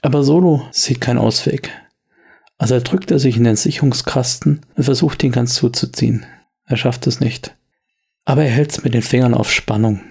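A man's voice: medium pitch, normal speed, creaky, darkish tone, husky. A man narrating a tabletop role-playing game as game master, telling the scene in tense, descriptive storytelling.

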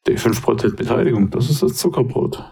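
A man's voice: mid-range voice, a little fast, gravelly. A man playing a cold, threatening gangster boss. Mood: menacing. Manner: calm, intimidating. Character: menacing male gangster boss, coldly threatening.

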